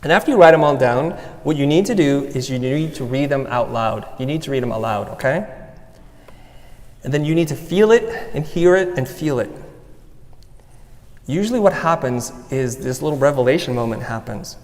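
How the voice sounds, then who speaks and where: A man's voice: mid-range voice, lively intonation, normal speed. Earnest man speaking in a reverberant hall. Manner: earnest, personal, guiding the audience through an exercise. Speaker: speaker giving a talk. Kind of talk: motivational talk. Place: stage.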